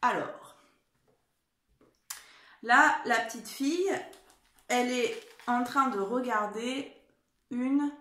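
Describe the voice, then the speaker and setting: A woman's voice: fairly high pitch, slow pace, long pauses, fairly bright tone, reverberant. A woman teaching a spelling lesson to young children, patient and encouraging, often checking in with the class. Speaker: primary school teacher. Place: room at home.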